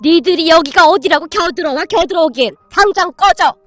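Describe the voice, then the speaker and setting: A woman's voice: extremely high pitch, animated, moderate pace, fairly bright tone, dry recording, soft background music. A woman voicing a meek middle-aged mother-in-law, eager and trying hard to sound tough.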